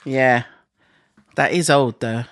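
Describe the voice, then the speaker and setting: A woman's voice: very deep voice, takes it slowly, dry recording, clean studio sound. A woman co-hosting a casual couple podcast, speaking in a teasing, playful way. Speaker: podcast co-host.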